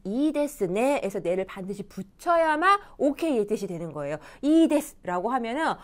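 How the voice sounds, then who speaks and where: A woman teaching a Japanese lesson, explaining grammar patiently and reading example dialogues slowly and clearly. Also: on the high side, sing-song. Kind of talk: video lecture explaining grammar.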